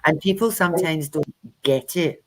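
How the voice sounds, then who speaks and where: Speaking at a moderate pace in a low-pitched voice, a woman who reads tarot shares blunt, chatty stories while co-hosting a casual livestream on a video call.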